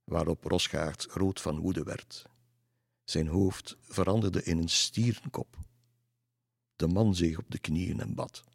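Male storyteller, very low voice, husky, dry close recording. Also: steady tone, takes it slowly, no echo. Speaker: narrator. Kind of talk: storybook narration.

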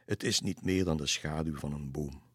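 Male reader voicing a timid little storybook girl, soft and scared. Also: very deep voice, normal speed, husky, long reverb tail, full character voice. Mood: scared whisper. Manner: timid, hushed. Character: frightened little girl, new in town.

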